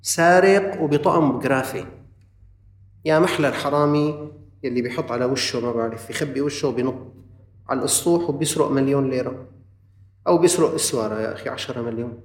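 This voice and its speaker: A man with a Levantine Arabic accent preaching a sermon, moving from loud urging to quiet, earnest asides. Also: medium pitch, fast talker. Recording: roomy, distant from the mic.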